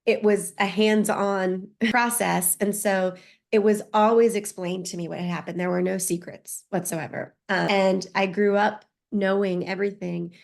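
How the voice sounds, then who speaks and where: Medium in pitch, her voice is creaky and a little mellow, with a steady tone at normal speed. The speaker is a woman in her thirties or forties from the United States, a native Spanish speaker, telling her life story reflectively and openly as a podcast interview guest, with frequent restarts.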